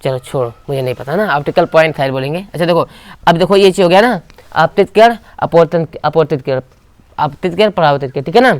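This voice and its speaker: Expressive and a little high-pitched, a man lectures a physics class at a quick pace, quizzing students with brief call-and-response questions and going back over key terms. No room sound is present.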